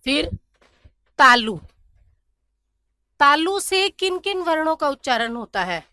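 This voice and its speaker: A woman teaching a grammar lesson, slowly repeating syllables and asking questions that she answers herself. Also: sits high, very animated, sharp tone, dry recording, studio quality. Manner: drills syllables slowly, asks and answers her own questions. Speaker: Sanskrit teacher.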